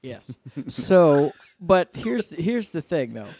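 A man's voice: a little high, big pitch swings, slow, warm tone, dry recording. A man in his thirties co-hosting a casual faith podcast in a basement studio, joking and hesitating with fillers. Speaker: podcast co-host.

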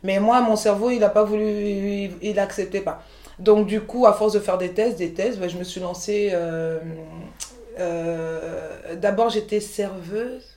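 A woman's voice: medium pitch, steady tone, measured pace, mellow. Guest: forties woman from the Ivory Coast, frank and rambling, recorded in an echoey room. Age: 40s. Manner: frank, rambling, many restarts and fillers. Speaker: guest, chef and entrepreneur. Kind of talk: candid conversational interview.

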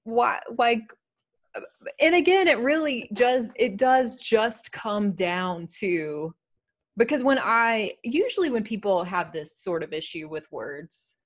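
A woman's voice: a little high, lively intonation, slow pace. A woman co-hosting a podcast in casual chat, playfully indignant and thinking aloud with many fillers. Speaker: podcast co-host.

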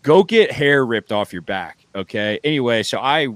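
A man's voice: medium pitch, normal speed, no echo. Fired-up, foul-mouthed podcast host man. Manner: excitable, loud, profane, rambling. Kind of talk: casual podcast chat.

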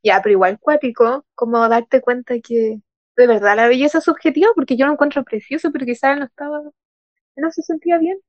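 A woman with a Chilean accent co-hosting a casual chat, relaxed and joking with plenty of slang. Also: high-pitched, brisk, no echo. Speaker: podcast co-host. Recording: dull lo-fi, dry.

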